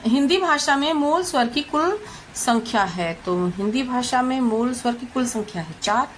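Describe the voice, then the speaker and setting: A woman teacher working through exam questions one by one, repeating each answer and pausing often. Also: fairly high pitch, slight background noise, poor audio. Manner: slow, deliberate, repeats answers with frequent hesitations. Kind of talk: exam question walkthrough lesson.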